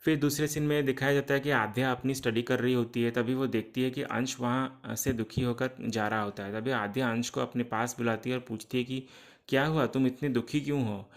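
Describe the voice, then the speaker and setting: A man's voice: medium pitch, steady tone, brisk. Man retelling a soap episode. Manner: retells scenes at length, reporting each character's lines; occasional restarts mid-word. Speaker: TV serial recap narrator. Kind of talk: casual episode recap narration.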